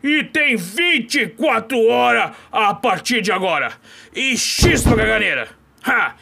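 A man voicing a loud, bossy older male ranch owner in a comedy sketch, shouting orders. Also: very high voice, big pitch swings, slow, vocal fry, husky, full character voice. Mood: proclaiming.

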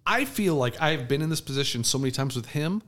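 This man, a podcast co-host, tells a wild story in crude, casual chat, laughing often and loudly acting out what other people said. His voice is mid-range, his delivery fairly quick and animated.

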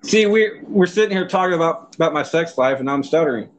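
A man's voice: fairly high pitch, animated, brisk, a little hiss or hum, poor audio. A man from Texas hosting a casual podcast chat, stumbling over words and swearing freely. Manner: stammering, profane, restarts often. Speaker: podcast host. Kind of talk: casual banter.

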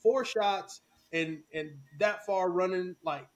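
Man, podcast host, relaxed casual chat, thinking aloud, higher voice. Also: slow pace.

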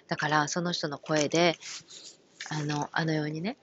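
A woman with a Kansai accent, gently telling a personal story from her work as a caregiver, with many soft fillers. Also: low voice, little pitch movement, moderate pace, lo-fi sound, background noise. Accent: Kansai Japanese. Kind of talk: casual radio-style talk.

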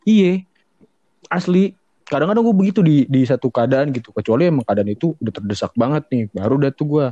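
Mellow Jakarta man chatting in slang. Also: mid-range voice, lively intonation, fairly quick. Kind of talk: casual group chat in Jakarta slang. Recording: roomy, slightly dull lo-fi sound.

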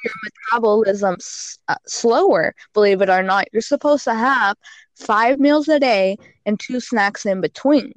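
A woman's voice: fairly high pitch, measured pace, no room sound. A woman guest on a casual podcast, giving frank fitness and diet advice with lots of "like" and "you know.".

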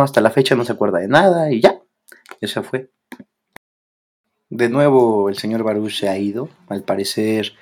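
A young man with a Mexican accent, co-hosting a podcast and casually telling a story with lots of slang and acted-out quotes. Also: fairly low pitch. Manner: animated, slangy, acts out quoted voices. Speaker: podcast co-host.

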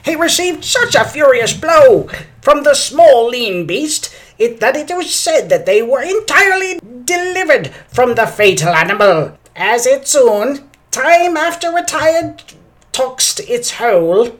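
A woman voicing a theatrical old-timey radio announcer, slow and declaiming. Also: high-pitched, big pitch swings, voice pushed up. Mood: dramatic. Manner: slow, drawn-out, declaiming delivery. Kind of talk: 1940s radio announcer reading.

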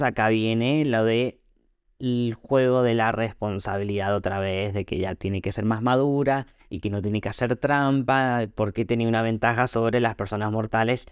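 Smooth-voiced man reviewing a series. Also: medium pitch, dry recording, clean studio sound. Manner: opinionated, critical asides. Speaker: podcast host. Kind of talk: casual review commentary.

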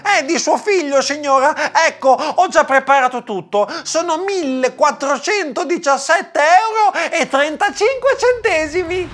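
A cheerful supermarket cashier lady calls out over the store speaker, bright and sing-song, as a man puts her on. Her voice rides high and swoops about. The piece plays like a children's storybook. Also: expressive, unhurried, few pauses, soft background music.

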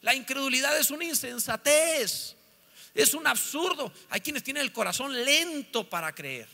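High-voiced preaching man. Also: expressive, normal speed, vocal fry. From northern Mexico. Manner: builds from chatty asides to loud, fervent preaching. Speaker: pastor. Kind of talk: sermon. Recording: long reverb of a church hall.

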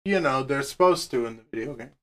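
Male podcast co-host, profane ranter, very animated intonation. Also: mid-range voice, fast talker. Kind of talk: casual podcast chat.

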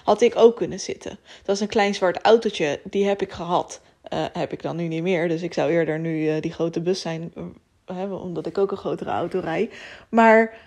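A woman's voice: fairly low pitch, darkish tone. Rambling Dutch-speaking woman podcaster. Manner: rambling, jumps from topic to topic; emotional, candid, with fillers. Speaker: podcast host. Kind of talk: personal solo podcast monologue.

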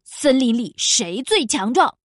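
A woman's voice: on the high side, big pitch swings, a little slow, no echo, studio quality. A woman putting on a sneering bully wolf. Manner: sneering and threatening. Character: mocking bullying young male wolf.

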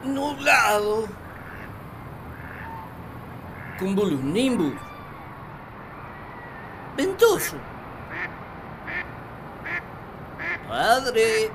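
A woman's voice: on the high side, very animated, extremely slow, background noise, heavily acted. A woman voicing Adam, the first man, grumbling dryly about his companion. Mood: musing. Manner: dry, grumbling complaints. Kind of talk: radio drama acting.

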